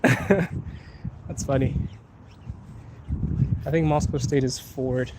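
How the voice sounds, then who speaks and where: A young man from Zimbabwe hosts a relaxed live Q&A as he walks outdoors along a city street. Pollen is bothering his sinuses, and he laughs often and drags out some words. He speaks slowly at a medium pitch, with noise in the background.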